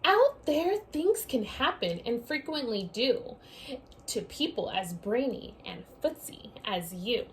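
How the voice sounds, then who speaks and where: Speaking straight to a group of young kids, a female teacher reads from a picture book with a lively, sing-song storytelling delivery. She's on the high side and slow, and the audio is poor, with slight background noise.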